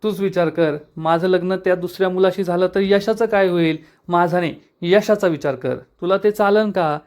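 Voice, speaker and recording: A man's voice: high voice, moderate pace, a little mellow, natural voice. A man doing an irritated young bride-to-be. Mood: annoyed. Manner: annoyed, pleading.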